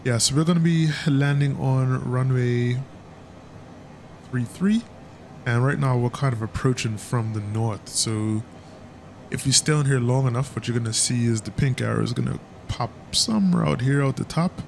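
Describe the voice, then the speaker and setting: Casual male flight sim streamer, mid-pitched, rambling commentary, engine rumble behind. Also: normal speed, gravelly. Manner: chatty, stumbling with fillers.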